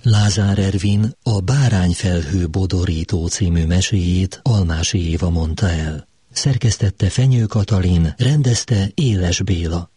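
A man reading radio programme credits in a formal, measured way. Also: low-pitched, dark tone, slightly rough, dry recording, studio quality. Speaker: radio announcer. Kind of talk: scripted broadcast credits.

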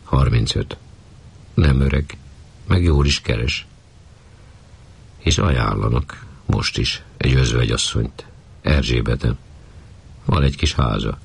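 A man voicing a friendly chimney sweep in his thirties in a story, homely and steady, with a deep, gravelly, husky voice. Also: long pauses, heavily acted. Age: 30s. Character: kindly 35-year-old chimney sweep, plain and steady.

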